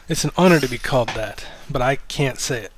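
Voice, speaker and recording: A man hosting a casual livestream chat, rambling and self-deprecating, swearing offhandedly in a low-key, fairly monotone way. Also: slight background noise. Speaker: livestream host.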